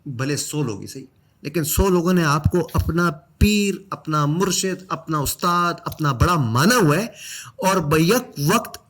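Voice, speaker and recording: A man from Pakistan hosting a podcast, building long, measured questions for his guest. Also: fairly high pitch, expressive, a bit bright. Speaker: podcast host. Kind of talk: podcast interview.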